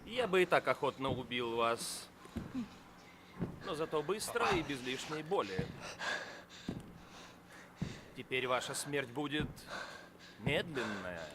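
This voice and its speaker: A cold-blooded interrogator in a dubbed game drama. His threats come slowly, with a wide swing in pitch, over clearly noisy audio. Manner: slow, threatening. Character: menacing male interrogator threatening slow death.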